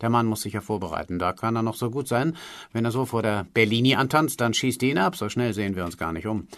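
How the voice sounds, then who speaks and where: A man voicing an excitable, chummy television executive who talks quickly and breathlessly. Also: fairly low pitch, no echo. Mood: gushing.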